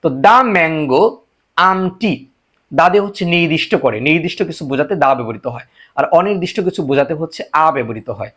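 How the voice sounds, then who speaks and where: Male English teacher, Bengali speaker, a touch high in pitch, slow patient drills of short sentences. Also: animated, a bit bright. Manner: repeats example sentences slowly, switching between English and Bengali. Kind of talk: spoken English lesson.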